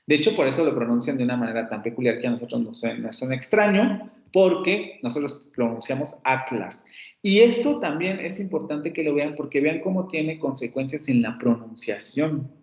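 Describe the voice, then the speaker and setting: A man's voice: medium pitch, darkish tone. Male phonetics lecturer, Mexican accent, patient and repetitive, mid-range voice; lo-fi recording in a reverberant room. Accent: Mexican Spanish. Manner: explanatory, repeats example words slowly, self-correcting. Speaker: university phonetics teacher. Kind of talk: classroom lecture. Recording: roomy, dull lo-fi classroom recording.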